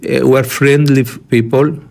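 A man from Ecuador speaking English with an Ecuadorian Spanish accent, answering interview questions as a diplomat in a halting way with many fillers and restarts. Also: mid-range voice, steady tone, creaky, darkish tone. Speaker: diplomat guest.

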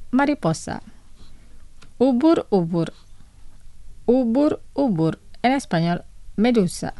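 Slow, careful woman language teacher. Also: medium pitch, darkish tone, dry recording. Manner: slow and careful, repeating each word twice. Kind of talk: language lesson for listeners.

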